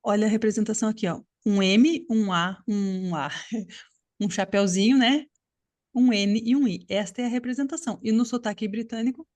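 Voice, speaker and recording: A woman's voice: medium pitch, normal speed, a little mellow. A woman English teacher giving a live online class on a video call, explaining patiently and checking often that students follow.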